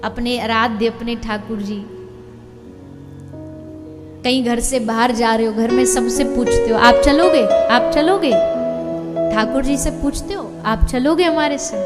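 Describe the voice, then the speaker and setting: A woman telling a devotional story as a sermon, acting out the characters' lines with lively expression. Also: fairly high pitch, long reverb tail. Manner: lively, acts out dialogue in the story. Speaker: spiritual storyteller.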